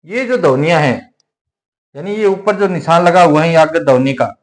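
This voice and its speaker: A man teaching a Hindi grammar lesson, often asking his own questions and then answering them, with plenty of repetition. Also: high-pitched. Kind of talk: classroom-style lesson.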